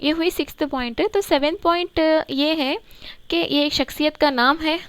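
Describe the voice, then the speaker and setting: A woman teaching a current affairs lesson for exam students. She explains slowly and repeats the key words so that they stick. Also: high-pitched, no room sound.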